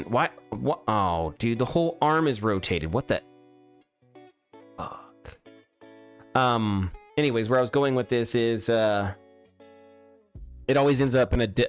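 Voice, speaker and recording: Here a young man with a lowish, clean-toned voice chats loosely on a live stream as he builds a game. He reacts out loud to slip-ups and restarts his sentences, speaking into a studio microphone fitted with a pop filter.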